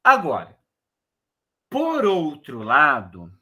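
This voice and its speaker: A man giving a casual online lecture on verse rhythm, explaining in a relaxed way and counting syllables aloud. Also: on the high side, extremely slow, slightly rough. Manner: casual explanatory, frequent "né" and "beleza". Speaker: poetry course instructor.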